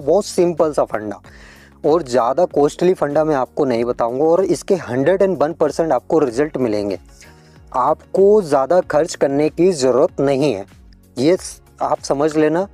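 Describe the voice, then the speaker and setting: A man's voice: a little high, warm tone. A man hosting a farming advice channel, explaining crop care to farmers in a friendly tutorial way, often addressing them as friends.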